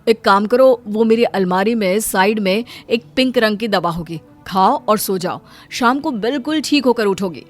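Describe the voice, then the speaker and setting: महिला द्वारा बेपरवाह युवा पति. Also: female voice, mid-range voice, moderate pace, soft background music, voice pushed down, close to an everyday voice. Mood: offhand. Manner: casual, brushing off complaints. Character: young husband, offhand and dismissive.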